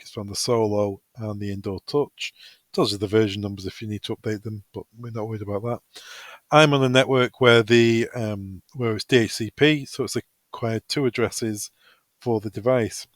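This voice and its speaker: In a dry recording, a man with a fairly low, steady voice speaks at normal speed. Acting as a tutorial presenter, he takes listeners through software step by step in a relaxed, practical, semi-improvised style.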